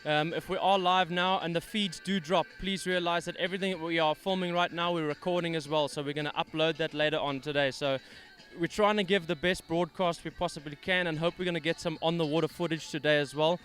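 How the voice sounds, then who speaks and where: A man's voice: fairly high pitch, steady tone, a little fast, hardly any pauses, fairly bright tone. A man hosting a live fishing-tournament broadcast, chatty and upbeat while out of breath. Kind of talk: live interview. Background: faint music.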